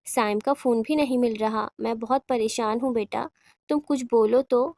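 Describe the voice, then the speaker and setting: A woman's voice: on the high side, fairly even intonation, a little mellow, no room sound, lightly acted. A woman reading as an anxious middle-aged mother. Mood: worried. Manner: anxious, pleading questions. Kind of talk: audiobook horror reading.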